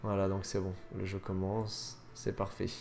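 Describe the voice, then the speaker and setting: A man's voice: sits low, completely flat delivery, normal speed, creaky, a little mellow. Dude rambling thru a game test, keeps fixing his words, bit of game music behind. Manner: rambling, self-correcting, fillers. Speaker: gaming youtuber. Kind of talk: casual gameplay commentary.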